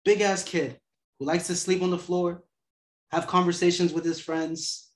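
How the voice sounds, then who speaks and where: A man's voice: high-pitched, flat delivery, moderate pace, echoey room. A man in his twenties giving a casual motivational talk as host, laid-back and profane. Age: 20s.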